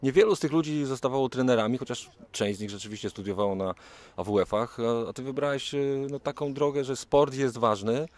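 A middle-aged radio reporter asking long, rambling questions with repetitions, outdoors at a stadium into a handheld mic. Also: male voice, mid-range voice, brisk, a little mellow. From Poland. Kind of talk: interviewing.

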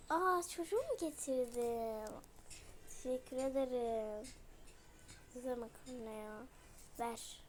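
High-voiced woman scolding as a mother. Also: a little mellow, slight background noise. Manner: scolding, exasperated. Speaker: storyteller voicing a mother. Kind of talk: toy role-play story.

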